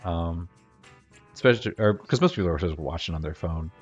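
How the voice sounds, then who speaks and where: With a deep voice and a slightly quick delivery, this middle-aged Virginian man chats while livestreaming a game. He rambles, thinks aloud and corrects himself along the way, and his Virginian accent comes through. Game music plays under the dull, lo-fi sound of his desk mic.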